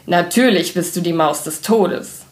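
A weary, kindly man in a storybook, speaking in a low, hushed way, as a woman reads him aloud. He sounds gentle and a little guilty. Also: measured pace, roomy sound, close to an everyday voice. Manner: soft, low, sighing. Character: kindly, weary male ex-lab boss, gentle.

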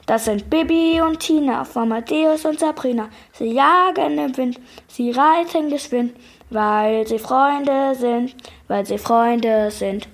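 A woman voicing a grumpy old grandfather who denies liking a children's show and then sings its song, in a raised, slow voice. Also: fairly even intonation. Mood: singing. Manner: sings in a slow, high, put-on voice.

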